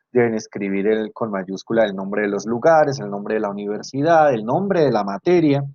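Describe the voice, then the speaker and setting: A man's voice: medium pitch, a little mellow. A man with a Colombian Spanish accent, a university tutor who teaches in an online class and goes over student work. He explains step by step, repeats his points and checks that the class is following. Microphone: video call computer mic. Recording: slightly dull lo-fi call audio.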